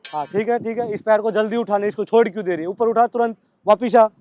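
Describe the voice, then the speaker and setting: A male coach with a Delhi Hindi accent calling brisk commands and scolding his trainees at practice. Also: high voice, steady tone, warm tone, dry recording.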